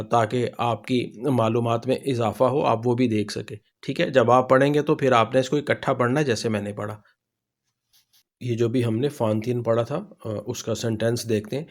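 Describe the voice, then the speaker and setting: A man with a Pakistani Urdu accent teaching a language lesson, explaining slowly with many pauses and repeating each word. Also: medium pitch.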